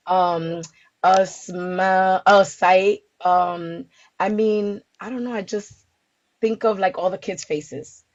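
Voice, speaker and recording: Speaking slowly in a mid-range voice with fairly even intonation, a woman from the Bronx, New York, gives informal interview answers as a community organizer, often groping for words. The recording is dull and lo-fi, with background noise and clicks.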